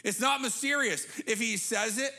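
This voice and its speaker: A man in his thirties, a pastor preaching a sermon on a church stage into a handheld mic, animated and conversational. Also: extremely high pitch, moderate pace, vocal fry. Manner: animated, gesturing while preaching; conversational, repeats words when restarting. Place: church stage with big screen.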